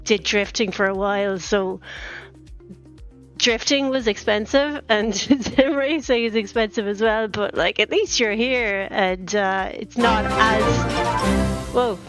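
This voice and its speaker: A woman's voice: medium pitch, slow pace, over music, rough recording. A woman with a west of Ireland accent chats informally as a guest on a live stream. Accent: Irish, west of Ireland. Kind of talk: casual, informal chat.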